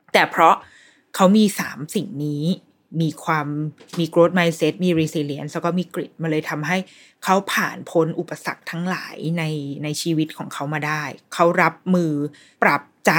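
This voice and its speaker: A woman hosting a podcast, chatting casually as she reviews a TV series, retelling scenes in an animated, restarting way. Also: lowish voice.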